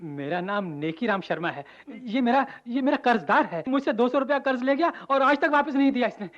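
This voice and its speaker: A man's voice: extremely high pitch, lively intonation, brisk. An actor playing a hot-tempered male moneylender who bullies a debtor and then protests his innocence to the police in a radio play. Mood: protesting. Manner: blustering, bullying, repeating threats. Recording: lo-fi old radio recording.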